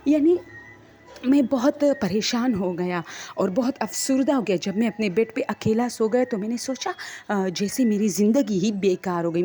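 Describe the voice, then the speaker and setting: A woman's voice: medium pitch, mellow. A woman telling a horror story in the first person, hesitant and reflective, with many fillers and restarts.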